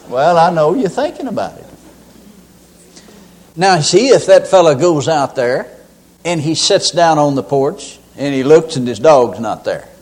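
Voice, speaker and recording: A man's voice: fairly high pitch, darkish tone. A man preaching a sermon in a church, folksy and humorous as he tells his examples.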